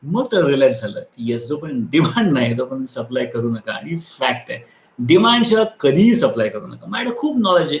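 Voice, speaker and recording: A man's voice: medium pitch, roomy sound. A man giving a live motivational lecture, telling stories, acting out the people in them and repeating key lines for emphasis. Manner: animated storyteller who acts out quoted people. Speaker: motivational speaker and trainer.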